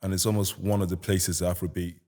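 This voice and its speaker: Deep-voiced Nigerian man, relaxed storyteller. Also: fast talker. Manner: relaxed, laughing, lots of "you get me" slang. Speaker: guest musician. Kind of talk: casual interview chat.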